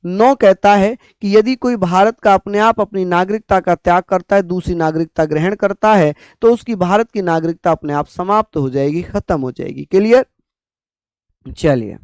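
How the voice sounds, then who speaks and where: A man's voice: high-pitched, a little mellow, clear, resonant tone, dry recording. A young man teaching an online exam-prep lecture, repeating points and calling students his brothers and sisters.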